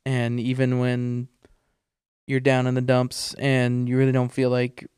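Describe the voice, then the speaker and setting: A man hosting a casual podcast, talking in an informal, halting, self-deprecating way, close on the microphone. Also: medium pitch, monotone, darkish tone, smooth, no echo. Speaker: podcast host. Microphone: close podcast microphone into a mixer.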